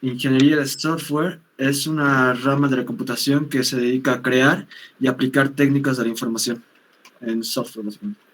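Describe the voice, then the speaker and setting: A man student answering in an online class, reciting definitions and pausing to search for words. His voice sits at a middling pitch for a man. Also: fairly even intonation, rough recording.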